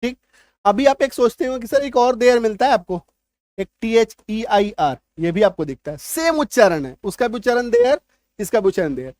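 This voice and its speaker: पुरुष अंग्रेज़ी शिक्षक, सूखी नज़दीकी आवाज़. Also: male voice, very high voice, lively intonation, moderate pace, a little mellow, dry recording, clean studio sound. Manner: patient, repeats words, checks understanding often. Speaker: English teacher. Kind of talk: online spoken English lesson.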